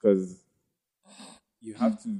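Podcast guest: man, low warm voice, thoughtful and searching for words. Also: fairly even intonation, slow, slightly rough. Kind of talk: casual discussion.

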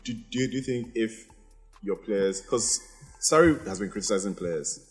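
A fairly low, husky-voiced man in a casual football debate, pressing his point with rhetorical questions and acted-out quotes. Faint music runs underneath. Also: unhurried. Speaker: podcast co-host.

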